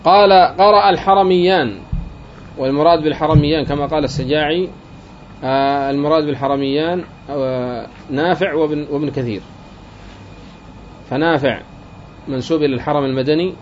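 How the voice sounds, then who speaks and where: A man giving a classroom lecture, his voice set a little higher than most men's. He explains step by step, repeats his key phrases and throws questions at the class. The recording sounds dull and lo-fi, with a faint hum behind it. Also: fairly even intonation, quick pace, pauses often. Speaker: teacher of Arabic grammar.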